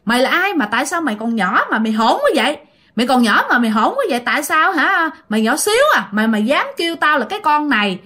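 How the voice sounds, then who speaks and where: A woman's voice: high voice, very animated, fast, pushed and bright, full character voice. A woman doing an indignant young woman scolding, Southern Vietnamese.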